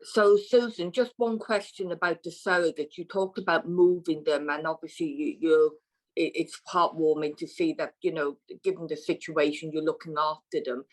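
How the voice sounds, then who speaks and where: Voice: mid-range voice, fairly even intonation, normal speed, low-quality recording. A participant in an online session who asks a polite, thoughtful question with a few small restarts. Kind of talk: asking a question on a video call.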